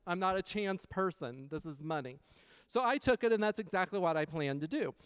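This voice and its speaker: Animated man telling a story, clear voice. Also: high voice, brisk, no room sound, clean studio sound. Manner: animated storyteller, acts out quotes. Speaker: preacher sharing a testimony. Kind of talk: casual storytelling sermon.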